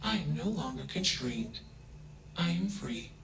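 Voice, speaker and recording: A man's voice: a little high, big pitch swings, a little slow, roomy sound, a crowd in the background. An actor playing an emotionless male-voiced AI machine that speaks in terse, clipped announcements.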